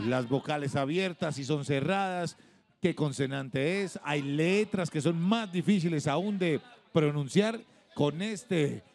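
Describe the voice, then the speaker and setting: A man with a Colombian Spanish accent hosting a television game show, teasing the players with quick questions. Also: on the high side. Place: television studio.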